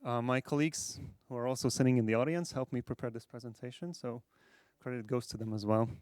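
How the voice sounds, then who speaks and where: Guy from hungary explaining software at a conference, lots of ums, dry close sound. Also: mid-range voice, steady tone, dry recording. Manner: measured, explanatory, with frequent fillers. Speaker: software architect presenting at a conference. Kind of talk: conference talk.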